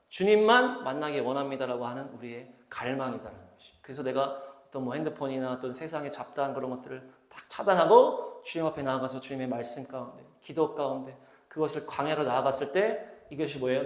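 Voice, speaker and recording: A male pastor preaching a sermon, posing rhetorical questions to the congregation and slowly reading scripture aloud. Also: mid-range voice, reverberant. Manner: asks the congregation rhetorical questions and answers them; reads scripture slowly and deliberately. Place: church hall.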